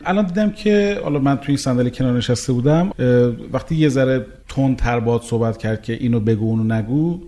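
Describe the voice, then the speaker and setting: A male interviewer of medium pitch asks question after question in a persistent, searching way. He often repeats the other person's answers back before pressing further. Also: hardly any pauses, dark tone. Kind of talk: probing interview.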